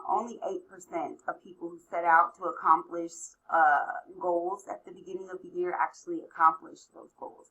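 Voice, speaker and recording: A woman's voice: fairly low pitch, fairly bright tone, low-quality recording. A woman speaking as a college department head in an informal corporate training video, welcoming new students and addressing them directly and encouragingly. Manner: encouraging, addresses listeners directly as "you guys".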